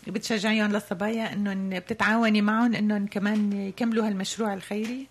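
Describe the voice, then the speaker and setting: A woman's voice: mid-range voice, fairly even intonation, fast talker, a little hiss or hum. A woman with a Levantine Arabic accent hosting a live radio call-in, polite and encouraging with callers.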